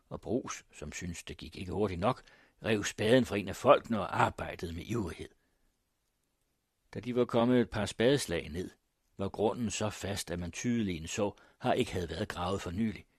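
A man narrating a first-person story in a measured, grave manner. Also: low-pitched, husky, no echo, clean studio sound. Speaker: audiobook narrator.

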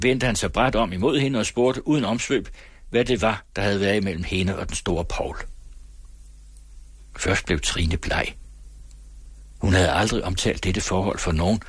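A man reading a novel aloud in a measured storytelling manner. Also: low voice, breathy edge, dry recording. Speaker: narrator.

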